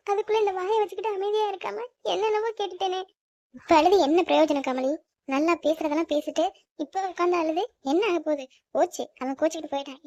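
A woman's voice: a little mellow, no room sound. A woman voicing an anxious young newlywed wife who frets and pleads in a cartoon. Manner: high, quick, fretful self-talk.

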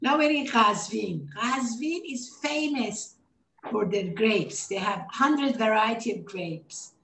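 A woman's voice: on the high side, lively intonation, slow, creaky, a little hiss or hum. A woman with a Persian accent, a native Persian speaker, cheerfully talking through a cooking demonstration and laughing often. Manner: cheerful, laughs often, warm enthusiasm about food. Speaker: cookbook author giving a cooking demo. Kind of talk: casual cooking demonstration talk. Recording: echoey room.

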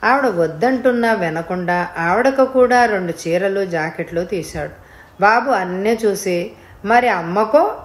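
A woman narrating a serialized novel in a calm, even storytelling voice. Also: lowish voice. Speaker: audiobook reader.

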